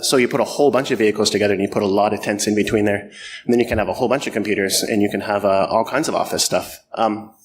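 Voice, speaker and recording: Slight background noise accompanies this conference speaker's lowish voice. He's a middle-aged, bilingual French-or-English Canadian who jokes at his own expense and fills his talk with plenty of ums and uhs.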